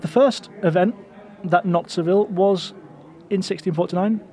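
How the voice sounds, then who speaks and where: A high-voiced man with a dark, mellow tone guides listeners on a walking tour. He talks in a loose, rambling way, full of fillers and asides, recorded outdoors on a city street. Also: normal speed. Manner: chatty, digressive, full of fillers. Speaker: podcast host and tour guide.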